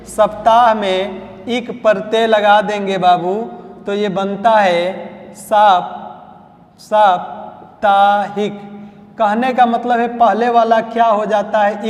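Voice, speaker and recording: High-voiced Hindi-accented teacher in an echoey hall. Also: male voice, steady tone. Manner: drills words by slow repetition and quizzing. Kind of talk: spelling lesson at a whiteboard. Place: coaching classroom.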